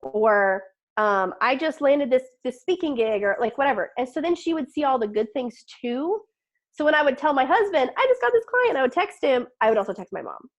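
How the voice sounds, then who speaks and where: A middle-aged woman guest talking business and family in a lively, chatty way, slipping into quoted voices and laughing along. Her voice sits a touch high for a woman. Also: brisk, highs cut off. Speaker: podcast guest, marketing business owner. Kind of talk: casual interview chat.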